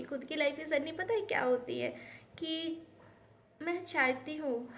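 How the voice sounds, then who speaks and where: A woman, earnestly telling her own life story in a vlog and mixing in English words. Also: high-pitched. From Uttar Pradesh, India. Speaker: teacher and YouTuber.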